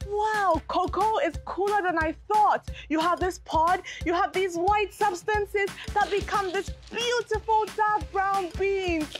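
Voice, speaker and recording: A woman hosting a children's educational show, gasping with wide-eyed excitement as she asks questions. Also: very high voice, unhurried, few pauses, faint music behind. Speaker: kids' show host. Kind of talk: bubbly children's educational presenting.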